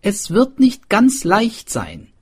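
A man voicing a clever, scheming pig herder from a village, raised and excited. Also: sits high, slow pace, husky, voice pushed up, heavily acted. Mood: eager.

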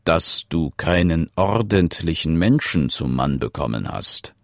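A man's voice: extremely low pitch, animated, measured pace, creaky, no room sound, studio quality, exaggerated voice. A man voicing an old fairy-tale king, kindly but suspicious, in a storybook reading. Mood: doubting.

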